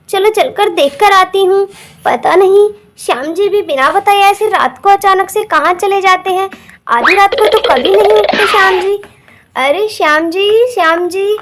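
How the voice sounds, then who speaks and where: A very high-voiced young housewife, voiced by a woman in a homemade doll drama. She fusses and talks to herself in a constant running commentary. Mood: worried.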